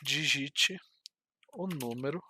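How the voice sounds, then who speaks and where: A man's voice: on the high side, takes it slowly, bright, forceful tone, husky. A young man from Brazil teaching programming over a screen recording, hesitant with many fillers and restarts. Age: young adult. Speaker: programming tutor. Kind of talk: screen-recorded coding tutorial.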